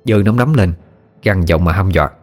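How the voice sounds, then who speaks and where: A man narrating a ghost story in a steady, plain way. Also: deep voice, moderate pace.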